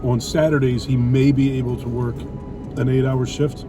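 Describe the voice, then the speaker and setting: Talking over music at a moderate pace, a middle-aged vlogger with a mid-range voice and little pitch movement gives blunt, opinionated takes, lightly swearing, in a casual chat with his wife over a meal. A distant mic picks up heavy traffic and car noise.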